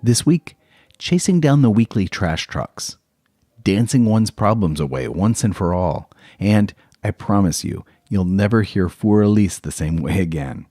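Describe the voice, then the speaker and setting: Low, mellow male podcast host. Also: dry recording, clean studio sound. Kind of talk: scripted podcast intro narration.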